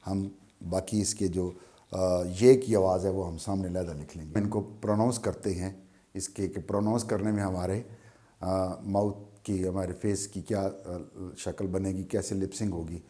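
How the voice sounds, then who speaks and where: A man with a Pakistani Urdu accent teaches a beginner class in an unhurried way, repeating each vowel again and again. His voice sits low and mellow, and he speaks very slowly. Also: fairly even intonation. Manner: slow, patient, repeats sounds many times. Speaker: language teacher. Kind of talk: beginner lesson at a board.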